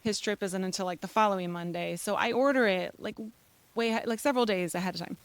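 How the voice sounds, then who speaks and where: A middle-aged woman speaking at church, telling a personal story in a relaxed, conversational way with quick asides and laughter. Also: medium pitch, clean tone, no room sound.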